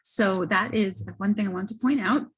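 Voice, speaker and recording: Slightly husky woman presenting products. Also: medium pitch, moderate pace, low-quality recording. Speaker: host presenting wellness products. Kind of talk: casual product testimonial with screen share. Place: library children's area. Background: children and banging in background.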